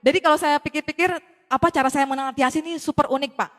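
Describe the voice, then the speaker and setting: Fast, high-voiced woman telling a story. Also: long reverb tail. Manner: lively, acts out the dialogue as she tells it; addresses the audience often. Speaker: speaker giving a testimony. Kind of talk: storytelling talk to an audience.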